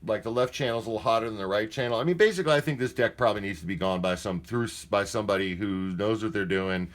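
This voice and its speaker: Here a fast-talking man with a fairly low voice presents a used tape deck in a casual, unscripted way. He sounds candid, plain-spoken and somewhat hesitant, and the deck plays music at times.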